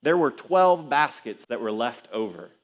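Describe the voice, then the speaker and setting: A young adult man preaching a sermon in a casual, animated way, chuckling as he tells stories. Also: mid-range voice, a little slow, a little hiss or hum.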